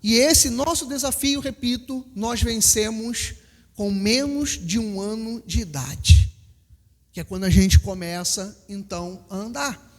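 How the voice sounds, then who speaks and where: High-voiced Brazilian pastor preaching in a hall. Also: male voice, a little slow. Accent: Brazilian Portuguese. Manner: storytelling, animated, acts out quotes, laughs with congregation. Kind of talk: sermon. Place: church hall. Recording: long hall reverb.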